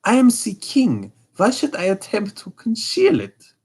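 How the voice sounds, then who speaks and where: A man's voice: high-pitched, very animated, a little slow, gravelly, darkish tone, slightly rough, pitched above the performer's own voice, full character voice. A man voicing a proud, haughty Bohemian king with a put-on German accent, raised well above his own voice. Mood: agitated.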